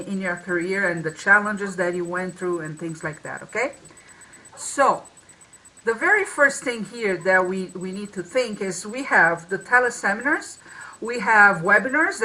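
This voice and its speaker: This co-host of a casual marketing webinar on a video call has a strong, mid-range voice that sounds pushed and bright. Her delivery is loose, full of fillers and restarts, and the audio quality is rough.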